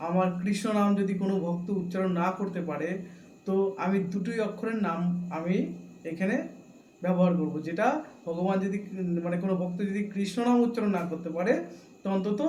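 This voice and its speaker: A man explaining a devotional chant in a slow, deliberate talk, chanting the mantra aloud at times. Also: high voice, darkish tone, echoey room, a little hiss or hum, rough recording. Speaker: devotional speaker.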